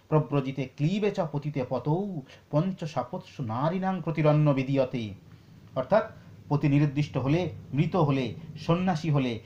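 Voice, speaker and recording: A man teaching Sanskrit scripture, explaining slowly and reciting verses. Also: a little high, mellow, muffled recording. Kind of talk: lecture on scripture.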